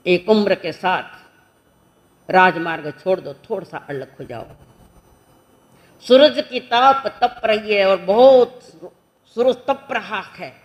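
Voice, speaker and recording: A woman, a Jain nun, preaching a sermon in an animated storytelling manner, acting out village characters in dialect. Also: mid-range voice.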